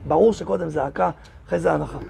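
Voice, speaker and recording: A rabbi's fairly high voice, touched with vocal fry, leads a spirited Torah lesson in a synagogue as he reads verses and shoots rhetorical questions at those listening.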